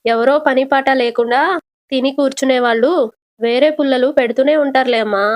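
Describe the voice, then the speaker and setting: A woman's voice: high voice, steady tone, fairly quick, lightly acted. A woman voicing a wry young son who dryly teases his mother in a retold serial.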